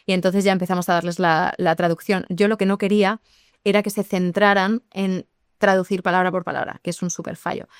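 Lively woman explaining. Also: lowish voice, fairly quick, smooth, no room sound, studio quality. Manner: lively, explanatory, addresses listeners directly. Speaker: English teacher. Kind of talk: podcast conversation.

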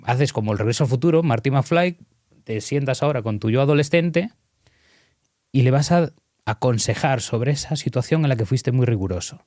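A man's voice: medium pitch, animated, normal speed, a little mellow, no room sound, studio quality. Earnest man coaching. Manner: earnest, explanatory, emphatic. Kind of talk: conversational coaching, guiding an exercise.

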